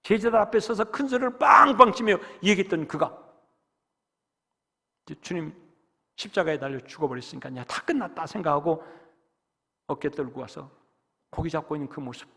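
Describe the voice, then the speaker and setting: A man preaching a sermon as pastor, dramatic, rising to loud exhortation and dropping to hushed whispers. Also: fairly high pitch, moderate pace, gravelly, long pauses, slightly rough. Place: church sanctuary. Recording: long reverb of a church hall.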